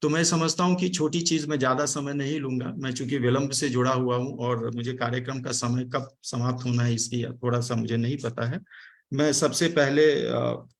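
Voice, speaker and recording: A man's voice: medium pitch, fairly even intonation, normal speed, vocal fry. A man from Delhi giving a formal academic talk and thanks on a video call, explaining word meanings with hesitant fillers. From Delhi, India. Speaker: speaker giving vote of thanks at online event.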